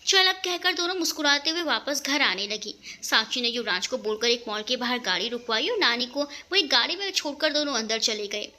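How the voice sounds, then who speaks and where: A woman narrating a romantic serial story in a smooth, even storytelling manner. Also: on the high side, brisk, hardly any pauses.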